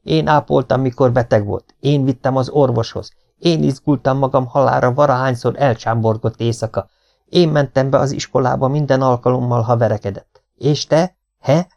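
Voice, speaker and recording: A man voicing a furious, grieving middle-aged father who shouts and then pleads. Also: lowish voice, no echo, natural voice. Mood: shouting. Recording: dull lo-fi recording.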